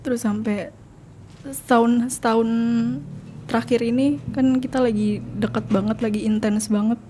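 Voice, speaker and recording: A young woman from Indonesia, a guest giving quiet, brief answers in a subdued voice. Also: fairly high pitch, steady tone, moderate pace, slight background noise.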